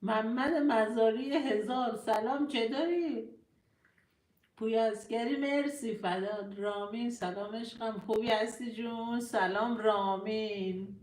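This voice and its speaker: A woman's voice: fairly high pitch, darkish tone, echoey room. A woman hosting a casual live stream, greeting viewers by name, reading their comments aloud and laughing often.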